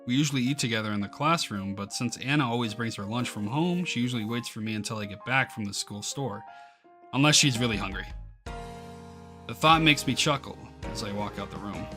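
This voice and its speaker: A man streaming a visual novel reads its text aloud with casual asides, often stumbling and rereading lines. His voice is mid-range, a little fast and sharp in tone, with the game's background music playing behind him.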